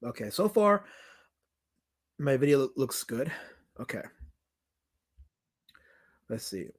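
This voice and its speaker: A documentary director with a New York accent speaks slowly in a medium-pitched, slightly rough voice with big pitch swings. Hosting a casual livestream, he reads viewer comments and answers emphatically, rambling with many restarts and repetitions.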